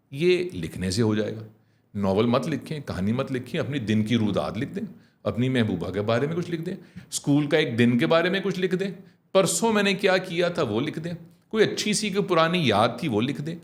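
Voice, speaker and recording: Brief: middle-aged man, communication coach, lively and demonstrative, average pitch. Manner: animated, mixing English phrases, demonstrating slow clear diction. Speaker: communication trainer, guest. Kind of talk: conversational coaching.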